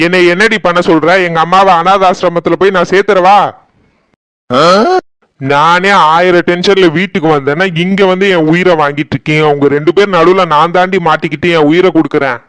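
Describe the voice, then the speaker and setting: A man's voice: sits high, fairly even intonation, brisk, a bit bright, clean tone, no room sound. A man voicing a harried adult son stuck between his wife and his mother in a cartoon, speaking with a Kanyakumari Tamil accent in an exasperated, pleading way.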